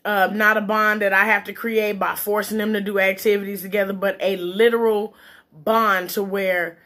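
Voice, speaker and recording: A woman with a mid-pitched voice chats casually, as if to viewers over a meal. She is blunt and opinionated, leaning on her points and swearing freely. Her mouth is sometimes full as she talks. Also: little pitch movement, normal speed, a bit bright. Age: adult, parent. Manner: eating while talking, mouth sometimes full. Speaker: vlogger giving relationship and parenting opinions. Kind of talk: casual chit-chat monologue.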